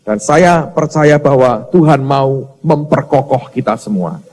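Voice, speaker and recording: A man's voice: mid-range voice, a little slow, a little mellow. A male pastor, preaching a sermon and telling stories with acted-out voices. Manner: storytelling, acts out quoted voices, addresses the congregation as "saudara". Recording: long reverb of a large hall.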